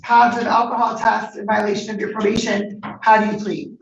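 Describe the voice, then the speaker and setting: A woman judge presiding over formal court proceedings, speaking in a firm, measured way, heard on a courtroom recording. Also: medium pitch, level tone, a little hiss or hum. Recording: muffled echoey courtroom recording from far off.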